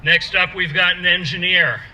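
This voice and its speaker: A man introducing the next speaker at an outdoor rally in a brisk announcing manner. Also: sits high, steady tone, sharp tone, rough recording. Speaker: rally emcee.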